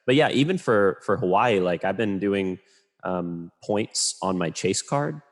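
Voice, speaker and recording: A man, a photographer, talking casually and rambling in a relaxed, self-deprecating way as a podcast guest. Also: deep voice, unhurried.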